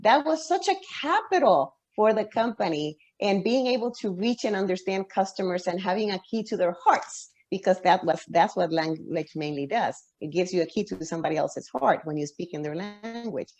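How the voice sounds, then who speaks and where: A woman's voice: mid-range voice, animated, normal speed, few pauses, a little mellow. A woman author, a guest on an interview show, giving long reflective answers full of restarts and fillers.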